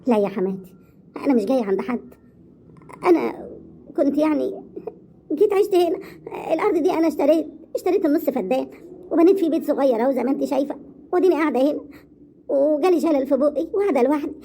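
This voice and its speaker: A woman's voice: sits high, expressive, very fast, pauses often, warm tone, a little hiss or hum, voice pushed up. A woman doing a whining Egyptian woman. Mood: pleading. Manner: plaintive, pleading. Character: whining middle-aged woman, pleading.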